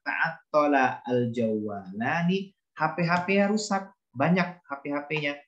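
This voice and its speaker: A man's voice: medium pitch, lo-fi sound. Man teaching grammar in an echoey room. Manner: explains patiently, repeats examples, quizzes students by name. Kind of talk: classroom lesson.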